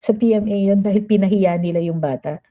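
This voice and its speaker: A woman's voice: medium pitch, quick pace, warm tone, muffled recording. A woman giving chatty, emphatic livestream commentary as she reads out viewer comments, mixing Tagalog and English.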